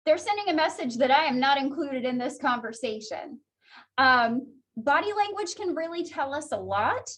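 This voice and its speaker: A woman teaching a psychology class in a chatty, conversational lecture style, laughing often. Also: high voice. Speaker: psychology instructor.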